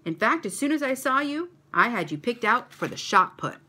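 A woman's voice: a little high, big pitch swings, moderate pace, pushed and bright, voice pushed up, heavily acted. A woman voicing a kind, encouraging male track coach in a storybook reading. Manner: upbeat, praising.

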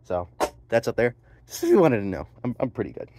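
Talking into a phone at arm's length, a teenage boy vlogs in a laid-back, casual way. His medium-pitched voice swoops wildly and moves briskly, captured in a noisy handheld recording.

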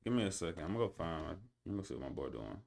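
A young man hosts a live stream with instrumental music behind him, bantering with his chat in laid-back slang that rises into excited hype. His voice is low, creaky, and very fast.

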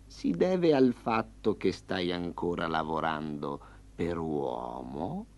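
A man doing a sly purring storybook tiger. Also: lively intonation. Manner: low purring growl, slow and drawn out. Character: smug hungry male tiger, sly and menacing. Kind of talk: storybook reading. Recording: slightly dull lo-fi.

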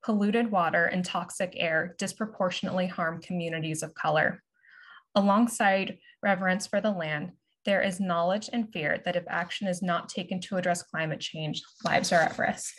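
A woman moderating a virtual panel, reading a prepared introduction aloud in a measured, formal way over a video call. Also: lowish voice, steady tone, fairly bright tone. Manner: measured, formal presentation of a written script. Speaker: moderator and curatorial assistant. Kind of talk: prepared talk read aloud.

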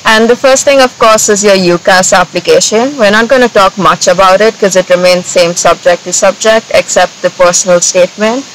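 A woman's voice: medium pitch, normal speed, few pauses, rough recording. Young woman hosting an outdoor interview. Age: young adult. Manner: friendly, asks questions with frequent "like". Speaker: channel host, engineering student. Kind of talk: casual interview. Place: outdoors in a grassy field. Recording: outdoor noise in the background.

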